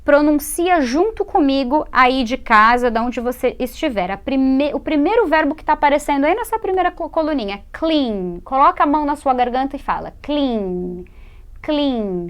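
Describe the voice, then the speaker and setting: Higher-voiced woman teaching patiently. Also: lively intonation. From Brazil. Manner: patient, repeating and modelling sounds slowly. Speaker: English teacher. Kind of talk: TV English lesson.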